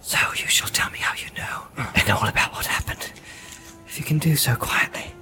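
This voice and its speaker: A grave, wary hobbit who keeps to a careful whisper, read by a man in an audiobook. The voice stays soft and breathy throughout. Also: normal speed, faint music behind. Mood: hushed. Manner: hushed whispering.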